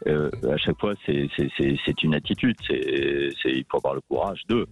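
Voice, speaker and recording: A very deep-voiced man argues as a guest on a radio debate. He hesitates often and restarts his sentences. Faint music sits behind him in the studio. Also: moderate pace, breathy edge. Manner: hesitant, many restarts and fillers. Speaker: documentary journalist and debate guest.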